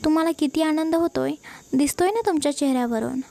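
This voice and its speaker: A woman voicing a sharp-tongued, sarcastic middle-aged aunt. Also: high voice, fast talker, creaky. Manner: sarcastic, irritable.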